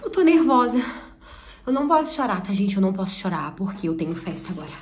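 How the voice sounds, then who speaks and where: A woman with a Brazilian Portuguese accent in an excited unboxing vlog, talking breathlessly and nervously, close to tears. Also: mid-range voice, fast, a little hiss or hum. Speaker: YouTuber and performer. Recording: echoey room.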